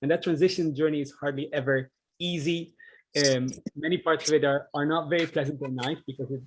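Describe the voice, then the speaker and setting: Presenter: a man from the Netherlands, in his thirties, thoughtful and a bit halting, on a conference call. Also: medium pitch, a little hiss or hum, low-quality recording. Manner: earnest, reflective, with frequent ums. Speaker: social enterprise founder presenting. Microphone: video call.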